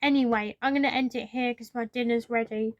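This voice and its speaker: A woman's voice: on the high side, steady tone, brisk, dry recording, dull audio. Earnest British woman with a dry close sound. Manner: earnest, candid, frustrated retelling. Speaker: vlogger. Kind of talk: personal storytelling to camera.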